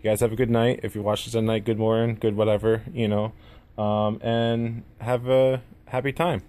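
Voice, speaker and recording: A man's voice: lowish voice, flat delivery, dark tone. A man with a lisp that draws out his S sounds and slurs slightly, giving a rambling, self-effacing, casual gaming vlog to camera at home. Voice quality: lisp with drawn-out, slurred S sounds. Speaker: gaming YouTuber introducing himself. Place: indoors at home. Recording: noticeable room noise.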